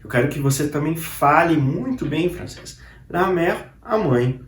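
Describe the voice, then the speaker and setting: A man's voice: a little high, expressive. Chatty man teaching in an echoey room. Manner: chatty, repeats words slowly for the viewer to copy. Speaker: French teacher. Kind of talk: casual online language lesson.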